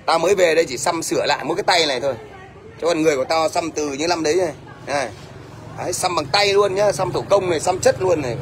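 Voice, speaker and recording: A man's voice: fairly high pitch, quick pace. A middle-aged man with a Northern Vietnamese accent, ranting at a commenter on a livestream in a blunt, scolding way and often asking "thấy chưa?". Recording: faint background noise.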